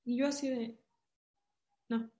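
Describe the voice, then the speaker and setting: A woman with a Mexican Spanish accent tells a story in casual conversation, her slightly high voice moving slowly. She's animated and fills her speech with lots of fillers. The room is echoey.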